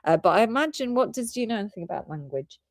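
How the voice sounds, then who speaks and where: A woman's voice: medium pitch, very animated, rapid-fire, no room sound, clean studio sound. Chatty British woman selling pearls live. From Britain. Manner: chatty, giggly, rambling product talk. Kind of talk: live shopping stream.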